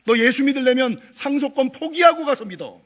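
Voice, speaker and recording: A man voicing an angry rich father who threatens his son, loud and harsh. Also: very high voice, animated, fairly quick, pitched above the performer's own voice. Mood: threatening.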